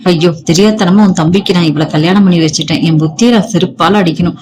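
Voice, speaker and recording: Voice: mid-range voice, fast talker, noisy background, close to an everyday voice. A storyteller reading the lines of a domineering, proud middle-aged man who blusters and accuses. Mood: irritated, boastful.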